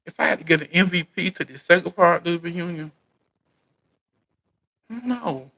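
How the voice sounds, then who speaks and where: High-pitched, creaky-voiced American man chatting casually. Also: moderate pace, bright, forceful tone, low-quality recording. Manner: repeats and restarts phrases over and over; informal, colloquial phrasing. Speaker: recap show host. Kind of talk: casual live recap chat about reality TV.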